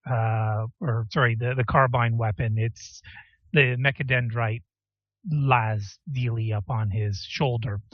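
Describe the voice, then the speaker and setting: A man's voice: mid-range voice, no echo. A man narrates as game master, explaining rules and stopping often to check the book. His voice comes through dull and lo-fi, and the recording is dry with no room sound. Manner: explains rules while looking them up, many pauses. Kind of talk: running a tabletop game over voice chat.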